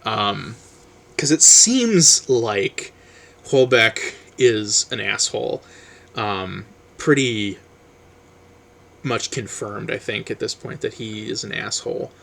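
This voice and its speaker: A man vlogging about books in a rambling, casual way, full of ums and trailing off quietly. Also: on the low side, animated, slow pace, creaky. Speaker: book vlogger. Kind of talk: casual book review chat, reading blurbs aloud.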